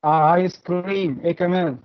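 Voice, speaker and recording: A man's voice: high voice, fairly quick, highs cut off. A man with an Egyptian Arabic accent teaching English letters to children in an online class, patiently repeating each sound for the pupils to echo. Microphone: computer mic in an online class.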